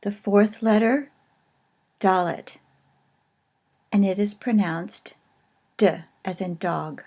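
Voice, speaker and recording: Slow, careful woman teaching a lesson. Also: medium pitch, dark tone. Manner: slow, careful explanation with pauses. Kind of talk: recorded video lesson.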